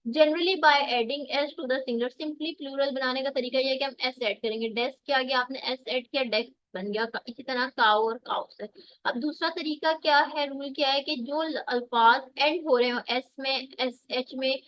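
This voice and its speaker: A woman with a Pakistani accent giving an online grammar lecture, explaining step by step and reading English examples slowly. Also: high voice, no room sound, highs cut off. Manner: explains step by step, reads English examples slowly, often checks "theek hai". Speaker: teacher. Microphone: dull dry lo-fi mic on a video call.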